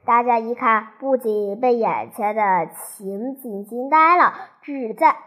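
A woman narrating a children's storybook aloud, slowly and carefully. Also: a little high, fairly bright tone, low-quality recording.

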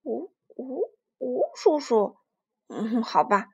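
A woman's voice: a little high, big pitch swings, slow, darkish tone, husky, highs cut off, heavily acted. Woman doing a big lonely T-rex uncle. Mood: gruff. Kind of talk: children's storybook reading.

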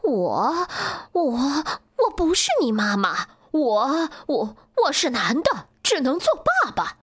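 A woman's voice: lowish voice, very animated, a little slow, breathy edge, no echo, clean studio sound, pitched below the performer's own voice, heavily acted. Woman playing a stammering clever fox. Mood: flustered. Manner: stammering, flustered. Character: flustered clever male fox.

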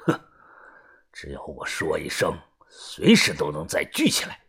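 A man voicing a gruff, ruthless old tomb-raider boss in a low, husky mutter. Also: huge pitch swings, a little slow, a bit bright, full character voice. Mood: boastful.

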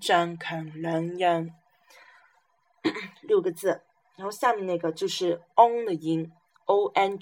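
Slow-drilling woman teaching pronunciation. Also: fairly low pitch. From southern China. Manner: slow, repeats each syllable several times. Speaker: language teacher.

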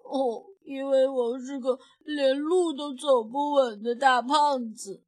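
A woman's voice: high-pitched, fairly even intonation, slow pace, a little mellow, no room sound. A woman voicing timid rabbit brothers in a storybook, murmuring glumly.

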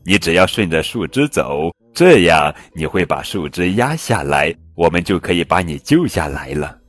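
A good-humoured patchwork elephant teases his friends in a storybook, as a man puts him on. The voice rises lightly with a lively, swinging lilt. Soft music plays faintly behind. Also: sits low, normal speed, no echo. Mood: cheerful. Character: cheerful joking patchwork male elephant.

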